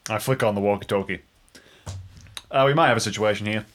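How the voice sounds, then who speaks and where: A man's voice: on the low side, fast talker, fairly bright tone, a little hiss or hum. A man playing a tabletop role-playing game, speaking casually in and out of character.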